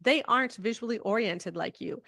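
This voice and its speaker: A woman's voice: a little high, moderate pace, gravelly, sharp tone. A woman speaking conversationally as part of a discussion. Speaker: discussion panelist.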